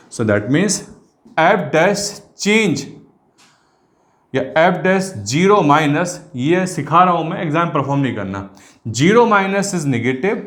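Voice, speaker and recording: A man with a fairly high voice talks a class through a math problem, slipping between Hindi and English as he works it out. He calls the students "beta" and pauses as he writes. His voice rings in an echoey room. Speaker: math teacher. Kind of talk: online class lecture.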